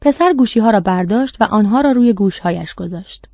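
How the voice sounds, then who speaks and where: A woman narrating a dark short story in a measured, steady reading. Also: mid-range voice, no echo. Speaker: audiobook narrator. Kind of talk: scripted narration.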